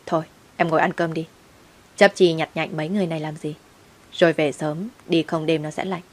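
A woman's voice: low voice, flat delivery, fairly quick. A woman voicing a scornful ex-convict father. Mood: mocking. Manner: blunt, scornful. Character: bitter man out of prison, sharp-tongued father.

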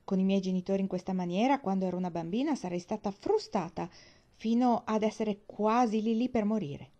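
A woman's voice: medium pitch, a little fast, mellow, dull audio, close to an everyday voice. A woman voicing a strict, disapproving elderly aunt who speaks sharply.

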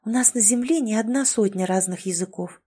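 A woman reading the lines of a feisty, sarcastic young woman in an audiobook, a touch higher than her own voice. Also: warm tone, slightly rough, close to an everyday voice. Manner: quick-tempered, mocking.

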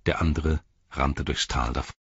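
Deep, husky male audiobook narrator. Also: normal speed, no room sound, lo-fi sound. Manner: lively, dramatic reading. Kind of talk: scripted fantasy narration.

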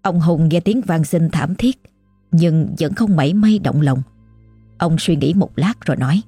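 A woman narrating a ghost story in a measured, dramatic way. Her voice is low and husky, recorded dry and close. Faint music plays underneath. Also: lively intonation, dark tone, dry recording.

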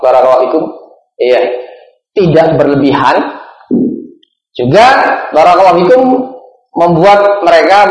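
A man's voice: mid-range voice, darkish tone. A man giving a religious lecture, asking and answering his own questions and repeating a set blessing between phrases. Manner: repeats a set blessing, slow pauses, asks and answers himself. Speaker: preacher. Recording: roomy, dull lo-fi recording.

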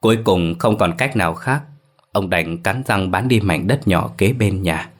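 A man's voice: deep voice, unhurried, breathy edge. A man narrating a ghost story in a somber, dramatic scripted reading.

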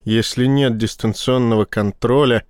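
A man reading a tense science fiction audiobook in a steady storytelling voice. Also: medium pitch, moderate pace, no echo, studio quality. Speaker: audiobook narrator. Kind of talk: scripted narration.

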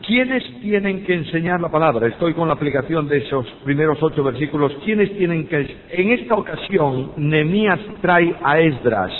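Tinny, phone-like sound with a faint rumble and long hall reverb carries an older Spanish-accented Bible teacher from Spain. He teaches on preaching using personal anecdotes, speaking with emphasis and posing rhetorical questions to those listening.

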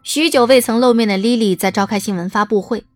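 A woman reading the narration of an audio drama in a smooth, lightly wry storytelling manner. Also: fairly high pitch, fast, soft background music.

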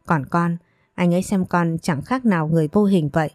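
A woman's voice: fairly low pitch, a little fast, a little mellow, dry recording, clean studio sound, lightly acted. A woman doing a falsely sweet schemer. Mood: feigned hurt.

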